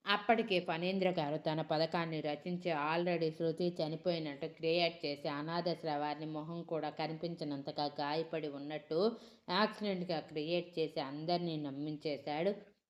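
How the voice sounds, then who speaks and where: A woman narrating a romance story in a steady, scripted storytelling voice. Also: low-pitched, moderate pace.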